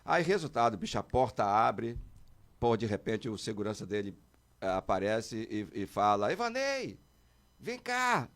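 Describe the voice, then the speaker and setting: A middle-aged man, telling a story as a podcast guest and acting out quotes in a high, excited voice. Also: moderate pace, dry recording. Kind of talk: animated storytelling.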